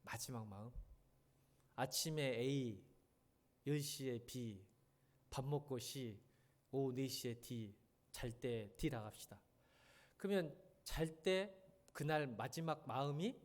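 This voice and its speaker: A middle-aged man preaching as a pastor, questioning the congregation and urging them to listen closely. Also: fairly high pitch. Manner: animated, questions and addresses the congregation. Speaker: senior pastor. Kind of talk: sermon at a midweek church service. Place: church.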